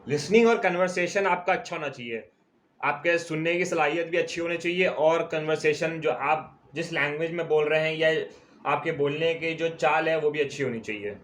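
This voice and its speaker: A man with a slightly raised pitch gives a classroom lecture, writing on a board as he goes. He repeats each key term slowly and keeps checking that students follow. A faint hiss sits under the recording. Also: a bit bright. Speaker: commerce teacher.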